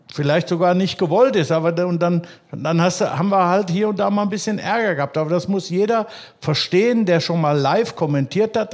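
Male commentator guest, slightly high voice, informal conversational explaining. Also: a little mellow. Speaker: football commentator as talk guest. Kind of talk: casual chat.

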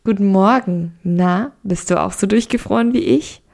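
A woman's voice: medium pitch, moderate pace, vocal fry, darkish tone. A woman reading a teasing bearded man. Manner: playful, easygoing.

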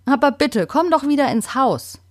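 A woman's voice: sits high, sing-song, moderate pace, no echo, clean studio sound, pitched above the performer's own voice. A woman voicing a young boy who talks patiently and reassuringly. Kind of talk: children's audio story.

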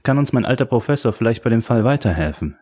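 A man's voice: mid-range voice, expressive, fast, warm tone, slightly rough. A man reading a polite, hesitant doctor. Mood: earnest. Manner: hesitant and courteous, with ums.

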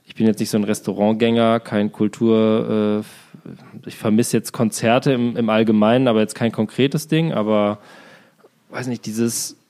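A man in his thirties co-hosting a relaxed conversation. He rambles through his thoughts with plenty of fillers and drops dry jokes along the way. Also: fairly low pitch, moderate pace. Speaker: podcast co-host. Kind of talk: casual chat.

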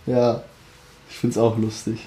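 A man's voice: medium pitch, monotone, a little slow, mellow, slight background noise. A young man co-hosting a podcast, teasing and blunt in casual banter. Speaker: podcast co-host.

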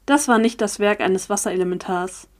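A woman's voice: medium pitch, fairly quick, close to an everyday voice. A woman reading aloud, voicing a scheming, persuasive young male sorcerer who talks down insistently. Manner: condescending, insistent, impatient.

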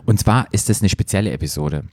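A man's voice: low voice, expressive, fast talker, a little mellow, no echo, studio quality. A man co-hosting a casual podcast, bantering playfully and teasing his partner. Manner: playful, teasing, sings a joke song at the start. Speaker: podcast co-host. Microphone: studio microphone with headphones.

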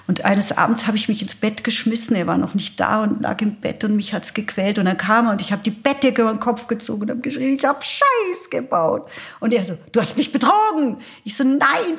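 A woman, telling a personal story as an interview guest and acting out the dialogue. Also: medium pitch. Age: 60s. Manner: animated, acts out dialogue.

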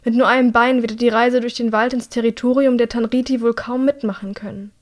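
A woman reading a novel aloud in calm, measured narration. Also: a little high. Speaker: audiobook narrator. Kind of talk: scripted narration.

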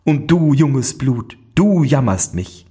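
A man voicing a cursed young princess in a storybook fairy tale, gentle and mournful. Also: medium pitch, lively intonation, takes it slowly, husky, pitched above the performer's own voice, exaggerated voice. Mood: sorrowful. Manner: mournful, pleading.

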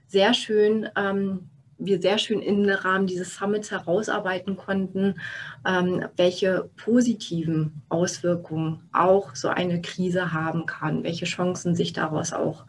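A woman's voice: mid-range voice, slight background noise. A woman hosting a conversational interview in an office space, with frequent fillers. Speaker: podcast host.

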